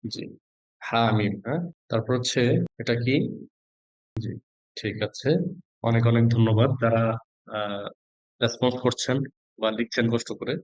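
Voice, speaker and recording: Teaching a Quran reading class online, a man patiently spells out letters one by one and quizzes his students. He speaks unhurriedly in a steady, medium-pitched voice, pausing often. There's no echo, but the high frequencies are cut off.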